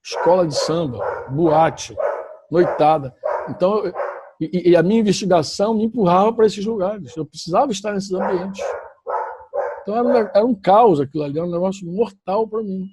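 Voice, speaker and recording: A middle-aged pastor from Brazil shares a personal testimony with his church audience in a high, somewhat dark voice, speaking a little fast with slight background noise. He tells it emphatically and repetitively, often correcting his words along the way.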